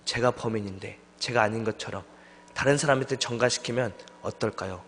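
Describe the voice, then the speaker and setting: A young man preaching a sermon as a junior pastor, telling stories with lively delivery and acting out the voices of friends. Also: mid-range voice, fairly quick, a little hiss or hum. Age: young adult. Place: church sanctuary. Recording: long church hall reverb.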